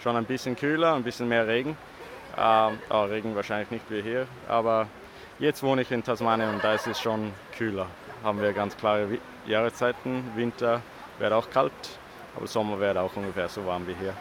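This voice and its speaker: Man from Western Australia, deep voice, hesitant vox-pop answers outdoors, light traffic noise. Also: fairly quick. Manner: relaxed, hesitant with fillers. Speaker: interviewee. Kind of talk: street interview. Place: outdoors by a river in a city.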